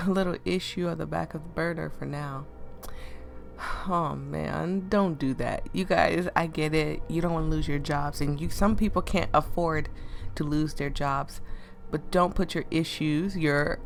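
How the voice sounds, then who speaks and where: A woman with a deep, creaky voice affected by illness reads out game text and makes casual conversation as a let's play host. She trips over words and laughs readily.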